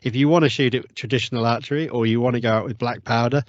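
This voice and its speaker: A man hosting a podcast interview in casual chat, halting and repeating words as he goes. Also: mid-range voice, steady tone, no room sound, muffled recording. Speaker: podcast host.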